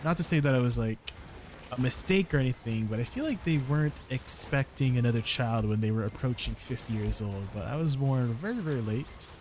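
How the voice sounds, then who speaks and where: A man's voice: mid-range voice, lively intonation, fairly quick, darkish tone. Chatty male streamer, faint background noise. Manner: chatty storytelling, repeating viewer comments aloud. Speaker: live streamer. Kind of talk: casual chat with stream viewers.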